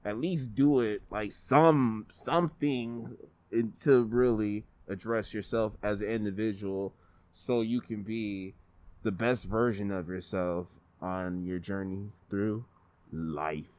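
Low-voiced, slangy American man chatting. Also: steady tone, takes it slowly, darkish tone, no echo. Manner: laid-back slangy informal speech. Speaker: podcast guest, music artist. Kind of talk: casual chat. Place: outdoors in a backyard.

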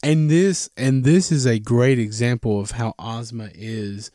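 A man co-hosting a podcast in casual chat, chiming in with quick comments and asides. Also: medium pitch, dark tone, no echo, clean studio sound. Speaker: podcast co-host.

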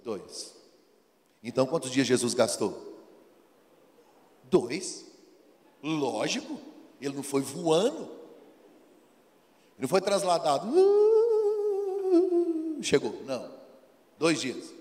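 A man's voice: mid-range voice, very animated, slow, pauses often, a little mellow. A man preaching a sermon, acting out dialogue and firing rhetorical questions at the congregation. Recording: long hall reverb.

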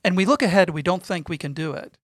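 A middle-aged man speaking earnestly and in a measured way, sharing a personal testimony in conversation. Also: high-pitched, no room sound, studio quality. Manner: earnest, measured, repeats phrases for emphasis. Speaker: guest speaking on faith and suffering.

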